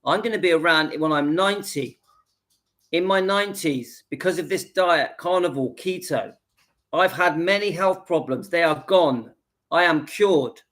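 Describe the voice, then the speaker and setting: A man's voice: on the high side, measured pace, a bit bright. A man in his fifties vlogging from home, earnestly rallying his viewers and repeating his points for emphasis. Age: 50s. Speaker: channel host. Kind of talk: casual direct-to-camera vlog.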